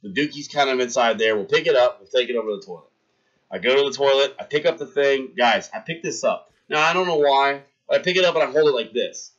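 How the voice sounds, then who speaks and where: On a live stream, a man in his thirties tells his chat a story with lots of energy, acting out every scene. He's a fast talker whose pitch stays in a middle register. The sound is a little dull, like a basic stream mic.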